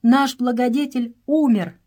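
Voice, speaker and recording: A woman's voice: fairly high pitch, measured pace, dark tone, voice pushed up. A woman reading aloud and voicing a frightened young man who pleads with his brother in a trembling voice. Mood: frantic.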